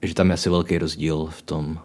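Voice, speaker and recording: Young Czech man, very low voice, musing. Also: level tone, a little mellow. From Czech Republic. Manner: chatty, musing, jokey asides. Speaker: podcast co-host. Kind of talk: casual book discussion.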